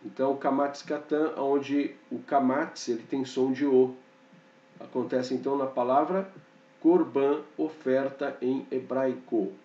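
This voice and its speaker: A man teaching a slow, explanatory grammar lesson, pointing things out on a board and checking in often with short fillers. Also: medium pitch, little pitch movement, warm tone, far from the mic. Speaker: Hebrew teacher. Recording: dull, echoey room, off-mic.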